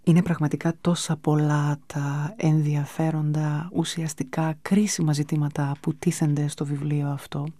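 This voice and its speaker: A woman hosting a radio show, giving a calm, measured, scripted book review. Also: low voice, no room sound. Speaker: radio host presenting books.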